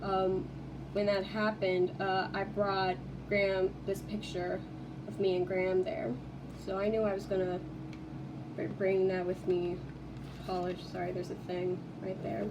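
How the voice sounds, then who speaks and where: A woman's voice: medium pitch, level tone, a little slow, recorded from a distance, noisy background. A young woman in a casual dorm tour vlog, rambling with many fillers and restarts. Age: young adult. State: tearful, voice breaking. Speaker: vlogger. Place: college dorm room.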